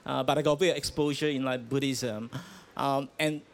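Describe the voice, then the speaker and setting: Here the Malaysian pastor's voice sits in the mid-range, fairly quick and with fairly even intonation. Outdoors at a festival, he answers a guest interview earnestly yet hesitantly, full of fillers and restarts, with slight background noise.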